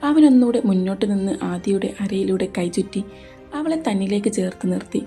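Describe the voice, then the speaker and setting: A woman narrating a romantic story she wrote, in steady, intimate scripted narration. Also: mid-range voice, brisk, soft background music. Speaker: narrator and writer.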